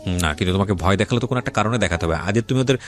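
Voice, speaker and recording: A radio host with a Bangladeshi accent conducts an interview and comments on life stories, speaking emphatically, repeating phrases and mixing in English words. His low voice goes very fast over faint music.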